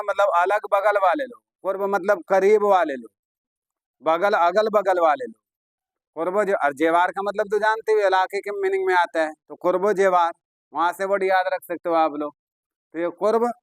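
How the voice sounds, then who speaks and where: A man's voice: sits high, no echo. A man teaching an Urdu vocabulary class, chatty and coaxing, often praising his students. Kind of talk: classroom lesson.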